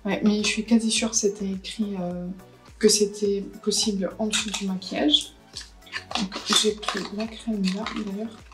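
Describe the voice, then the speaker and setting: A woman's voice: medium pitch, flat delivery, moderate pace, faint music behind, rough recording. A woman, chatting casually through a beauty haul and unboxing, thinking aloud with lots of hesitations. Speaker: beauty vlogger.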